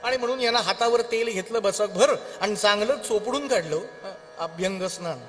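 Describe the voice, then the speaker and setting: A man performing a devotional kirtan, telling a story in an animated way with acted character voices and chanting scripture verses, in a large auditorium. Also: high-pitched, normal speed. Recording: long hall reverb with faint instrumental music.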